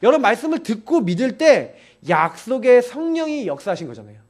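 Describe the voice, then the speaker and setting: A man's voice: very high voice, big pitch swings, brisk. A man pastor preaching a sermon in an emphatic, insistent way, urging his listeners again and again.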